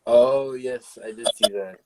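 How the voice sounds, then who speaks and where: A man's voice: medium pitch, fairly even intonation, unhurried, crowd noise, poor audio. A young man being interviewed over a video call, answering in short, upbeat replies. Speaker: guest.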